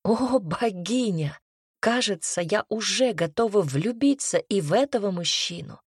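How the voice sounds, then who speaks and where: A woman narrating a first-person fantasy audiobook in a measured, wry way. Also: mid-range voice, expressive, husky, no room sound, clean studio sound. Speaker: audiobook reader.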